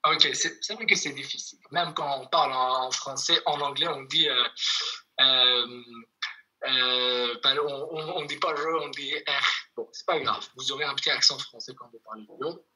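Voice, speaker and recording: A language teacher giving an online lesson over a video call, patiently repeating words slowly for students. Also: mid-range voice, steady tone, bright, forceful tone, rough recording.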